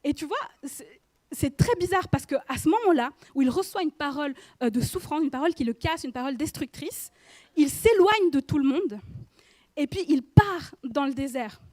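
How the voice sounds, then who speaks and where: A woman's voice: high voice, expressive, normal speed, a little mellow, no echo. A woman in her thirties giving an informal sermon in church, chatty and speaking directly to the listener with frequent questions. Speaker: preacher.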